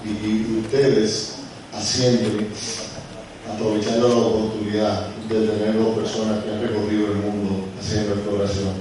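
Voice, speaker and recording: A man's voice: lowish voice, little pitch movement, moderate pace. A man hosting a university event, introducing the speakers in a hesitant way, often restarting his phrases. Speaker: event host. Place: university auditorium with audience. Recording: echoey hall, distant mic, audience noise.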